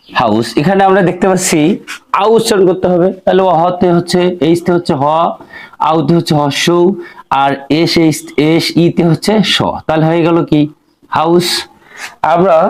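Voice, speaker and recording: A man with a voice a little on the high side explains English spelling rules in a steady, patient classroom manner. He breaks each word into its sounds one by one and asks rhetorical questions to keep listeners along. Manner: patient, step-by-step, asks and answers his own questions. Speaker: English phonics teacher.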